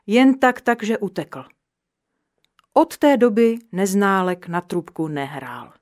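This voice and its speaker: A woman reading a children's storybook aloud, with lively and expressive narration. Her voice sits at an ordinary middle pitch for a woman.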